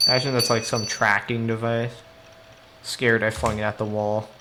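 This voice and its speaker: A man's voice: on the low side, level tone, normal speed, very noisy. Swearing man reading a game aloud. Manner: reads narration then reacts with swearing and laughter. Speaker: streamer. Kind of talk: live game playthrough, reading story text aloud.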